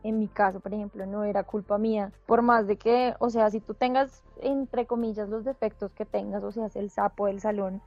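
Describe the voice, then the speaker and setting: A woman hosting a talk, calmly going through tips one by one. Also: mid-range voice, normal speed, few pauses, no room sound, soft background music. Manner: explains step by step, calm and reassuring. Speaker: podcast host giving advice. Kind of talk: casual advice talk, listing tips. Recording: dull, dry, slightly lo-fi audio.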